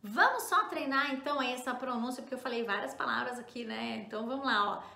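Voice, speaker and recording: A woman with a Brazilian Portuguese accent teaching a language lesson, repeating words slowly and checking in with the viewer often. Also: on the high side, creaky, bright, forceful tone, echoey room. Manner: slow, drawn-out repetition of words for practice; frequent tag questions to the viewer. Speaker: French teacher.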